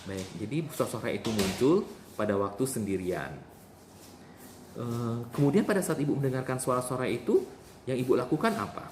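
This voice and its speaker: A man's voice: mid-range voice, animated, brisk. A man playing a nurse in a role-play demonstration, patiently repeating the patient's answers back to her. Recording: echoey room with faint noise.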